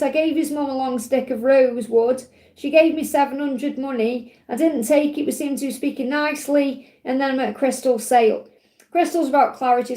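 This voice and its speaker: A woman's voice: high-pitched, a little mellow. A woman with a Stoke-on-Trent accent, giving a casual, reassuring live card reading to viewers. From Stoke-on-Trent, England. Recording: roomy, echoey sound.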